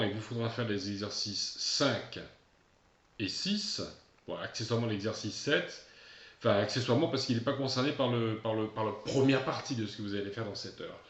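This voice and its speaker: A French-speaking male English teacher explaining exercises, switching between French and slow, stressed English examples. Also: mid-range voice, a bit bright. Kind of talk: recorded video lesson. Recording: echoey room, dull lo-fi sound.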